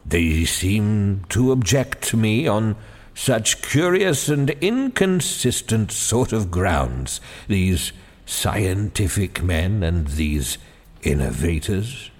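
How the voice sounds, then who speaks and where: A man voicing a feeble, dying, very old Father Christmas who talks slowly and wearily. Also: on the low side, big pitch swings, heavily acted. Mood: weary, puzzled. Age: older. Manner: slow, weary, faint. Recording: long hall reverb.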